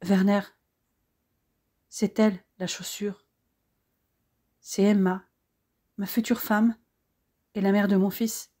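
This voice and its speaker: A woman voicing a young male officer, anxious and devoted, speaking softly and from the heart. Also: mid-range voice, little pitch movement, slow pace, pauses often. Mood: heartfelt.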